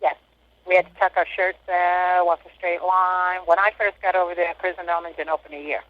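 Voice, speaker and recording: A woman's voice: lowish voice, little pitch movement, a little fast, dry recording. Woman in her sixties on a prison phone. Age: 60s. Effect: muffled prison phone line. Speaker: inmate interviewee. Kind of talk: casual recollection. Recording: dull lo-fi phone call.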